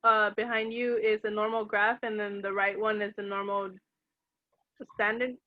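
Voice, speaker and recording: A woman's voice: mid-range voice, flat delivery, moderate pace. A woman student asking her teacher a question hesitantly, with many fillers, heard over a call line that keeps breaking up. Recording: dull lo-fi call audio from far off.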